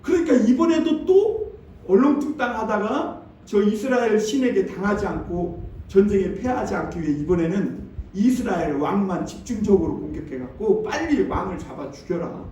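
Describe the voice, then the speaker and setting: A male pastor tells the story in an easy, conversational sermon style and keeps putting questions to the congregation. His voice sits high. It is heard from a distance in a very echoey church hall with faint background hiss. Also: expressive, moderate pace, dark tone. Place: church sanctuary.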